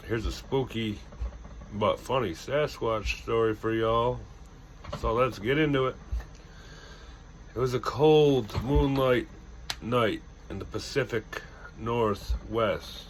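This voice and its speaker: A man's voice: on the low side, a little hiss or hum. A man hosting a ghost story channel, telling a tale casually with loose self-corrections and dramatic emphasis. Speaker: storyteller host.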